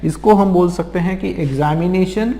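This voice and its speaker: A male vocabulary teacher from India lectures with patient, repetitive explanations, checking in with his students again and again. His voice sits somewhat high for a man. The recording carries a roomy echo with a long reverb tail. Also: dark tone. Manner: explains slowly with many repeated check-ins. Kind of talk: exam-prep lecture. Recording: echoey room with long reverb.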